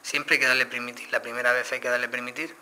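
A man with a Spain Spanish accent walks viewers through a phone demo in a relaxed, explanatory way. His voice is very bright and sharp, with a faint hiss behind it. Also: medium pitch, fast. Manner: explanatory, addresses viewers directly. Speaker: phone reviewer. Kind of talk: casual product demo.

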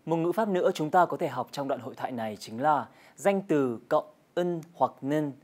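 A woman's voice: deep voice, expressive, a little fast, darkish tone. A woman co-hosting a scripted television language lesson, guiding viewers through drills and games in a friendly way. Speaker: Korean language teacher co-host.

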